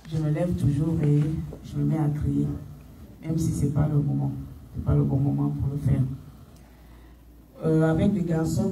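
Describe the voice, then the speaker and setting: Soft-spoken woman far off in a noisy room. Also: deep voice. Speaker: former political activist. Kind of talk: public speech at a community gathering. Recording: echoey room from far off, clear background noise.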